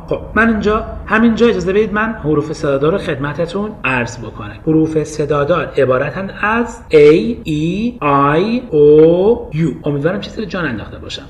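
A man's voice: fairly high pitch, fairly bright tone, slight background noise. A man with a Persian accent teaching English grammar, explaining patiently and mixing Persian with English examples.

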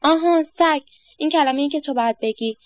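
Brief: woman reader as calm kindly old professor, patient delivery, dry close sound. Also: high voice, no room sound, lightly acted. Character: patient kind retired old man, professor.

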